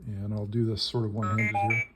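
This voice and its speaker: Man giving a casual demo over loud noise. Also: fairly low pitch, monotone, fairly quick. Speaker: demonstrator of a modified electronic instrument. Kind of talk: casual hands-on walkthrough. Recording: very noisy, with device buzz and clicks. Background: electronic toy noises and button clicks.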